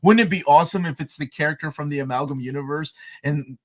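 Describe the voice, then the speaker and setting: A man co-hosts a live comics talk stream, chatting casually and reading chat questions aloud. He's animated and laughs often, and his voice is fairly high-pitched and fast.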